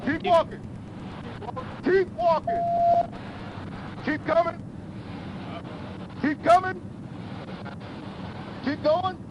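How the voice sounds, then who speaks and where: A police officer calling out slow, firm commands through a patrol car loudspeaker outdoors. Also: male voice, very high voice, fairly even intonation. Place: outdoors at a traffic stop. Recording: muffled loudspeaker, loud vehicle noise.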